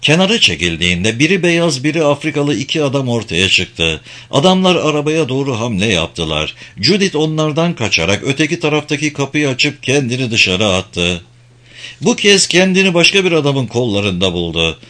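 Lively dramatic male audiobook narrator. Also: medium pitch, moderate pace. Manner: dramatic storytelling.

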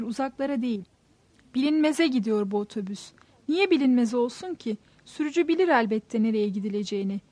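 A woman's voice: on the high side, a little mellow, dry recording. A woman voicing the inner thoughts of an anxious, troubled man riding a bus, in a tense, questioning way.

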